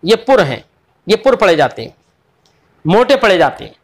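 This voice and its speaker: A man's voice: high voice, big pitch swings, normal speed. A man giving an online Quran recitation lesson, patiently repeating each rule, drawing out example words, and addressing his students fondly as children. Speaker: tajweed teacher.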